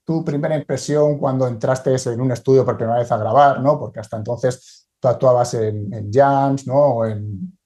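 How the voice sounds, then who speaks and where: A man's voice: mid-range voice, moderate pace, mellow. A male podcast host with a Spanish accent and a mid-range voice. He agrees readily and asks long, wandering questions in a casual way. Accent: Spain Spanish. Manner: friendly, agreeing often, long rambling questions. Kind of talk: casual interview talk.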